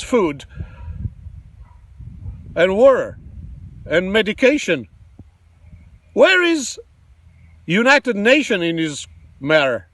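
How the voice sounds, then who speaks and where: Slow, impassioned Romanian-accented man. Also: sits high, fairly bright tone, no room sound. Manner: impassioned, halting, many fillers and restarts. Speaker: commentator. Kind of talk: emotional political commentary.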